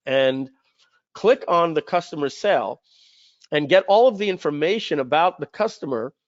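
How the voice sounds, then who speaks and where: A man presenting a software demo on a webinar in a chatty way, often acting out quick bits of dialogue. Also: fairly high pitch, no room sound, dull audio. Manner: chatty, acts out quoted dialogue. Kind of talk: webinar screen-share demo.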